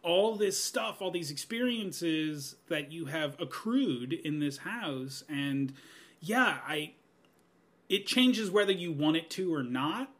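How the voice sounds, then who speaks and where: A man in his thirties talks through life lessons as a podcast guest, earnest and a little rambling. His voice is bright and forward and sits slightly high for a man. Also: animated, takes it slowly. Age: 30s. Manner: earnest, rambling, many "you know"s. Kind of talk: reflective podcast conversation.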